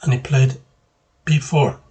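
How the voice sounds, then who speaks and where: A man giving casual move-by-move commentary on his own chess game, thinking aloud and pausing mid-phrase. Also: mid-range voice, steady tone, dark tone.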